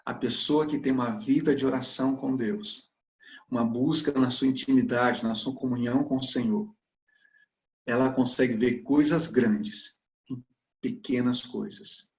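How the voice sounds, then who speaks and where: A man's voice: mid-range voice, darkish tone. A man pastor giving a sermon, telling a story with emotion and acting out the dialogue. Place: church hall.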